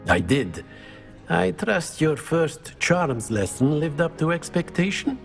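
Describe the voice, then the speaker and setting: A man's voice: a little high, big pitch swings, slow, vocal fry, exaggerated voice. A man voicing a genial, theatrical charms professor in a fantasy video game, eloquent and teacherly. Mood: playful, approving. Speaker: actor voicing a game character. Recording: game music underneath.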